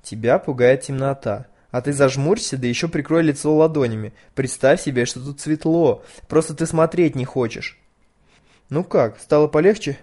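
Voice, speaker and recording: A man voicing a soothing, unhurried old man who talks in a measured, homely way. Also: mid-range voice, a little mellow, close to an everyday voice. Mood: calm.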